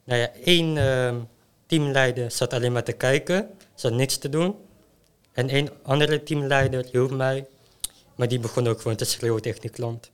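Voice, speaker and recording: A young male student with a smooth, clear mid-range voice speaks bluntly and plainly. He tells stories about his internship casually and without fuss. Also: mid-range voice, normal speed. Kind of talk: casual storytelling.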